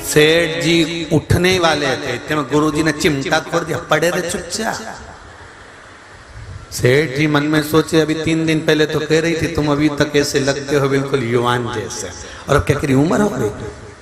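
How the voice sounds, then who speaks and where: A man's voice: a little high, steady tone, moderate pace. A man preaching a devotional sermon, telling a humorous parable and acting out its characters. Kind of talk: devotional scripture storytelling sermon. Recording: echoey live sermon with music.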